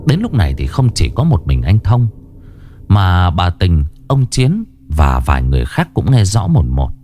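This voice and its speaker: A man narrating a ghost story in an expressive, dramatic way. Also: normal speed, a little hiss or hum. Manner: expressive, swinging pitch. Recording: narration over background music.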